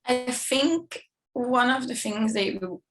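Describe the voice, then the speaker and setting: A young woman with a Brazilian accent, an egg donor speaking earnestly on a panel in slightly halting English. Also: a little high, a bit bright. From southern Brazil. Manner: earnest, slightly halting, non-native phrasing. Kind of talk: personal account on a panel.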